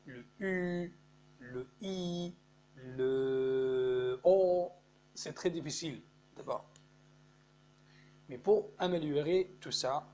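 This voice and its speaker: Slow, deliberate non-native French teacher. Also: male voice, fairly high pitch, a little mellow. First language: Arabic. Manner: repeats words, checks in with "d'accord?". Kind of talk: slow explanatory lesson. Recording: faint mains hum.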